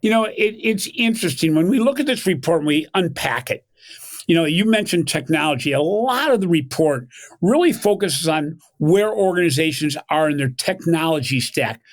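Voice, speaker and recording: A man hosting a banking podcast reads a scripted introduction with emphatic, animated delivery, then asks a guest questions. His voice is a little high, at a moderate pace.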